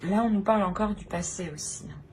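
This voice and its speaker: Talking fast in a medium-pitched, steady voice, the channel host reads tarot for viewers without a script. She hesitates, hunts for the right words, and repeats and rewords herself; a faint hiss or hum is audible.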